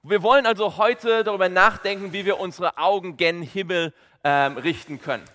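A man's voice: high voice, moderate pace, pushed and bright. A man interpreting a sermon phrase by phrase. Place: large reverberant hall. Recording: long hall reverb.

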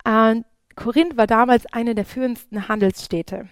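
A woman giving an earnest Bible study sermon, often pausing with fillers and restarting her phrases. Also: on the high side, fairly even intonation, clear, resonant tone, no room sound. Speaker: preacher.

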